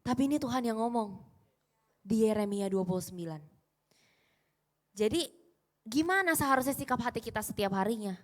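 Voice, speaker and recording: A young woman preaches in a relaxed, chatty way, as if talking with friends. Her voice sits fairly high. She keeps turning to the congregation with questions. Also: normal speed, long pauses. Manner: conversational, quizzes the congregation with questions. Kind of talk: casual youth sermon.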